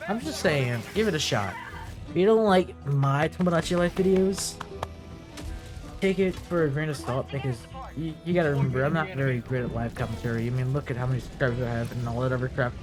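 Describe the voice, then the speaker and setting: Rambling, swearing young gamer with hiccups. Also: male voice, medium pitch, brisk, over music. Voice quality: rambling and profane, full of fillers. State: has hiccups. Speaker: gaming video creator. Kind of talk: casual gameplay commentary.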